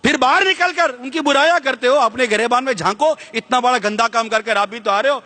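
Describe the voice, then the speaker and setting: Preaching passionately in a large hall, a man speaks at an extremely high pitch with a pushed, bright tone. English words slip into his speech as he bombards the audience with rhetorical questions.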